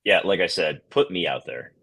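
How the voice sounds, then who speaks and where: Low-voiced man, loose joking chat. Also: lively intonation, moderate pace, a bit bright, husky. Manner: loose, hesitant, joking with swearing. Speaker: co-host of a markets show. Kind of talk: casual market chat.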